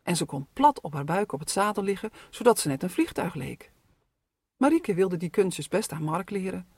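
Husky storybook narrator. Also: mid-range voice, sing-song, normal speed, a little mellow, no room sound. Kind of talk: children's storybook reading.

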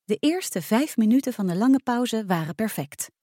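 A woman narrating a first-person storybook aloud in a lively, expressive reading. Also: fairly high pitch, moderate pace, no echo, clean studio sound.

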